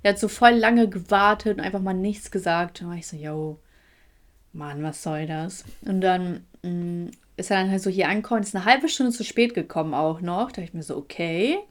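A young woman chatting casually on a podcast, telling an animated story in colloquial slang and acting out the other people's lines. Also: medium pitch, fairly quick, hardly any pauses. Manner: animated storyteller, acts out quoted dialogue. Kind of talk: casual chat.

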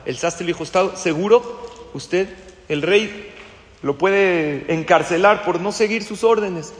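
In a high voice, a rabbi preaches a sermon, questioning his listeners and voicing the characters in his story. The long reverb makes it sound as though the class was recorded in a hall.

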